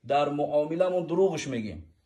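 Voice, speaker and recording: A man's voice: fairly high pitch, expressive, dark tone. A man with a Tajik accent preaching a sermon, reciting verses and Arabic quotes in a rhythmic, swelling delivery.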